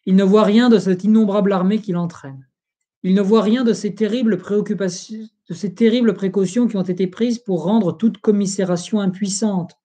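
Narrator: solemn audiobook reader of an old history book, mellow, steady. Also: medium pitch. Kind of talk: reading a history book aloud.

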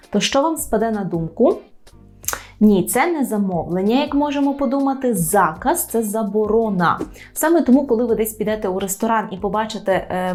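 A woman teaching Polish online, explaining words patiently and slowing down to demonstrate pronunciation. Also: medium pitch, a little mellow. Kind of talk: online language lesson.

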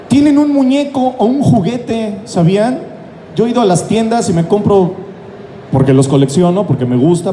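A man joking with a fan crowd on stage, laughing at his own jokes, through a handheld mic. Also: high voice. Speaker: voice actor guest at a fan convention. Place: large indoor convention hall with a crowd. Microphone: handheld mic, filmed from the audience. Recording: echoey hall with loud crowd noise.

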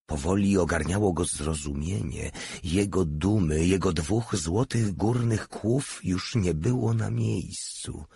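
A man narrating an audiobook in a measured, steady reading. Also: sits low, vocal fry, breathy edge, no echo, clean studio sound. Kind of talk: scripted narration.

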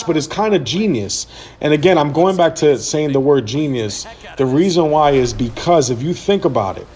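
A man hosts a casual gaming vlog, speaking straight to his viewers. His voice sits a little on the high side, and he talks in an animated, emphatic way, often doubling back and repeating phrases as he goes. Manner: animated, emphatic, repeats himself, loose swearing. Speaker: gaming YouTuber.

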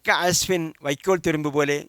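A man's voice: a little high, fairly even intonation, fairly quick, a bit bright, clean tone, no echo, studio quality. A man teaching a recorded language lesson, who drills each word form and gives its meaning, then asks listeners to repeat after him. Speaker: Quran Arabic teacher.

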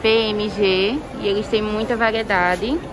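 Talking a little slowly in a medium-pitched voice with fairly even intonation, a woman vlogs her way through a busy indoor clothing market on her phone camera. She wears a face mask while chatting to viewers about what she sees, with "ó" and "olha só" coming up again and again, and the crowded market is audible behind her.

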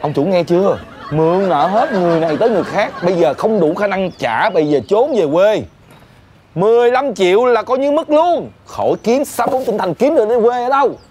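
An actor playing a cheeky, nosy restaurant worker, speaking with a Southern Vietnamese accent in a teasing, nagging comedy sketch. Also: male voice, mid-range voice, lively intonation, fast talker, darkish tone, slight background noise, natural voice. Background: background music.

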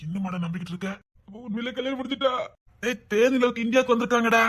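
A man playing a high, bright-voiced teasing pal. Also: steady tone, racing. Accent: Tirunelveli Tamil. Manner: mocking, needling. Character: teasing young man mocking his heartbroken friend. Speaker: comedy sketch actor. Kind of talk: comic sketch banter.

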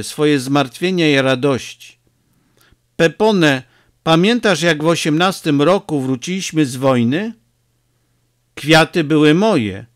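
A male narrator plays a burly, stubborn village priest with a good heart, earnest and persuasive. His voice rises and falls a great deal, and he speaks at an unhurried pace. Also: a little high.

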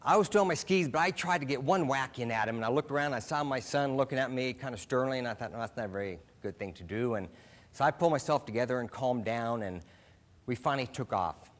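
A middle-aged man from Alaska gives a short, humorous stage talk. His voice sits at an ordinary middle pitch. He pokes fun at himself and paces his jokes with easy comic timing. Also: quick pace. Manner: self-deprecating storytelling with comic timing. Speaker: speaker.

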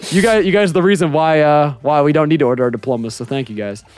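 A man's voice: on the high side, quick pace, darkish tone, a little hiss or hum. A nineteen-year-old man co-hosting a gaming playthrough, easygoing and laughing often as he chats. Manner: easygoing, laughs often, says "bro" and "dude". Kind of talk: casual chat over gameplay.

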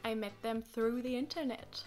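This young adult woman, a native German speaker, has a slightly high voice with a steady tone and normal pace. She chats casually and answers questions from a sofa in a small living room, using lots of fillers and acted-out quotes.

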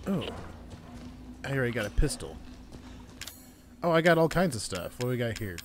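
A man's voice: medium pitch, sing-song, normal speed, slight background noise. A young man hosting a gaming video, chatting and joking casually and reading on-screen text aloud. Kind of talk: casual gameplay commentary.

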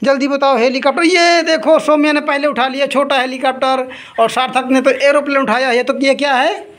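A woman running a toy-finding game for two children. She keeps up lively play-by-play commentary and rapidly repeats item names to hurry them along. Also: sits high. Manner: scolds and laughs between rounds.

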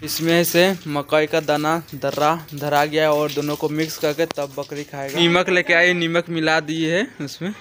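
A young man narrates his casual village vlog while walking a foggy field, holding a phone camera at arm's length and chatting to it. His voice is a little high and level, moving at a moderate pace with few pauses, while a crowd can be heard behind him.

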